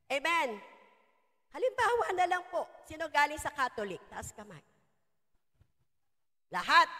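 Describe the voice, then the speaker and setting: High-voiced woman pastor preaching. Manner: lively preaching, mixing Tagalog and English, calling out to the congregation. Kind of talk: sermon. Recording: reverberant church hall.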